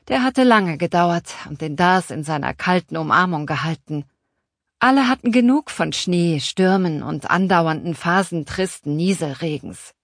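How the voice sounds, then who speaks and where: A woman narrating an audiobook in a calm, measured, expressive reading style. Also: on the low side, no room sound, clean studio sound. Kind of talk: scripted narration.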